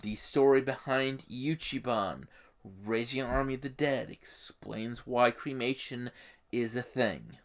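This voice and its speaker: In a medium-pitched voice, the YouTube host emphatically walks through a game setting, his delivery halting and broken by pauses.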